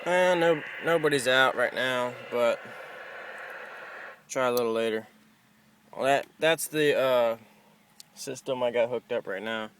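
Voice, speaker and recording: Filming handheld in and around his car, a man gives an informal, off-the-cuff walkthrough of a car radio install, with a little mild swearing. He speaks a bit slowly with long pauses in a medium, fairly bright voice, and the low-quality recording has slight background noise.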